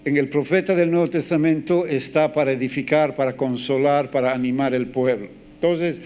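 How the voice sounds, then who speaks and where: A man preaching a sermon as pastor, animated and acting out quotes as he teaches. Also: fairly high pitch.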